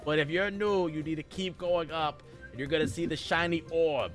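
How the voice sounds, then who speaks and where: A man voicing a chatty, doting auntie librarian with a raspy New York smoker accent. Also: fairly high pitch, normal speed, fairly bright tone, soft background music, natural voice.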